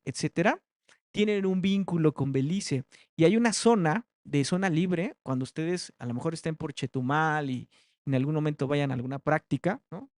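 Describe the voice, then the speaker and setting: A man's voice: a little high, a little mellow, dry recording, studio quality. A man giving a classroom research presentation, talking conversationally with many fillers and tag questions.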